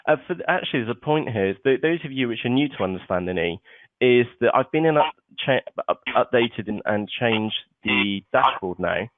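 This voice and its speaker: A man with a lowish voice hosts an online seminar, chatting casually and filling gaps with "okay" and "uh." His web conference microphone yields tinny, phone-like audio with a bit of background noise.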